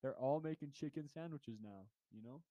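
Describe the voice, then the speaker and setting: A man's voice: mid-range voice, normal speed, mellow, no echo, lo-fi sound. A young man co-hosting a casual podcast, talking in an emphatic, slangy way. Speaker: podcast co-host.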